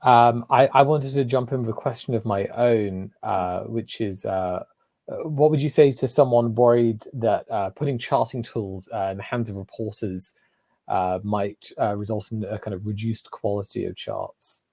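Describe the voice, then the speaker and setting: Gravelly man asking with many fillers. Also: on the low side, moderate pace, dark tone, no echo. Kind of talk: casual question asking. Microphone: video call.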